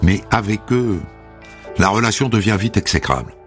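A man's voice: on the low side, moderate pace, soft background music. A young man with a Paris banlieue accent telling a wry first-person story. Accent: Paris banlieue French. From Paris suburbs, France. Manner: lively, wry, animated.

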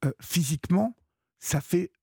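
A man's voice: sits high, lively intonation, unhurried, creaky, mellow, slightly rough, no room sound, clean studio sound. A man hosting a late-night call-in radio show, talking in a hesitant, encouraging way with many fillers. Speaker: radio host.

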